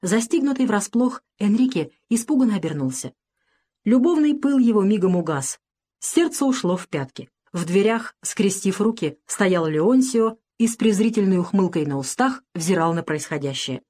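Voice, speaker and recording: A woman narrating a romance audiobook at a medium pitch, expressive yet measured. Her reading is clear and unhurried. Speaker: audiobook reader. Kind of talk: scripted narration.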